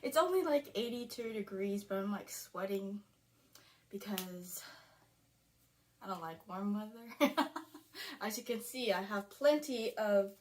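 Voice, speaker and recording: A woman's voice: medium pitch, lively intonation, measured pace, long pauses, a little mellow. Young woman vlogger, rambly and chatty, slightly breathless, small closet room. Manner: rambling, chatty, frequent "like" fillers. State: sweating, a little out of breath. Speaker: beauty vlogger. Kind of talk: casual talking-to-camera vlog. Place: small closet filming space.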